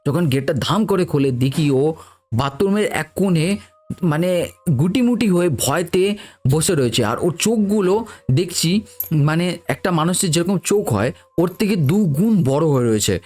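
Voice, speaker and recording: A man's voice: high-pitched, lively intonation, normal speed, darkish tone. A man narrating a true ghost story in the first person, in a casual, conversational way.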